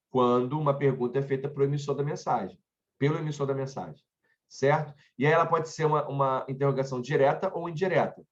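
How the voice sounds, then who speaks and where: A man's voice: a little high, muffled recording. A man with a Brazilian Portuguese accent, teaching an online grammar lesson in a conversational way, often stopping to check in with his students and drifting into chatty personal asides.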